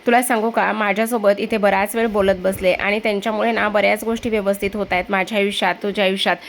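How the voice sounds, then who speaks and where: A woman voicing a gentle, caring elderly father who is recovering from illness and speaks softly and affectionately. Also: medium pitch, level tone, fast, slight background noise, lightly acted. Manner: soft and affectionate.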